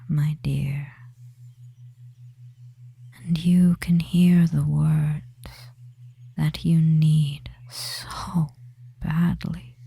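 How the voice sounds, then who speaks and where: In a hypnosis ASMR roleplay, a performer fully voices a devious yet soothing femboy witch of the deep wood, a feminine young man. The mid-range voice is a soft, breathy whisper, slow and lulling with long pauses, recorded dry.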